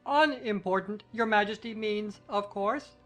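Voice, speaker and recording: A woman voicing a fussy, officious little rabbit herald in a shrill small voice for a children's audiobook drama. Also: measured pace, faint music behind, natural voice. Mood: officious correction. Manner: officious, fussy, crying out announcements.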